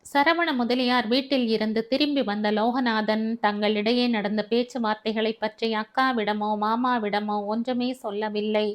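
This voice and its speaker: A woman's voice: fairly high pitch, fairly even intonation, moderate pace, hardly any pauses. A woman reading a family novel aloud as an audiobook narrator.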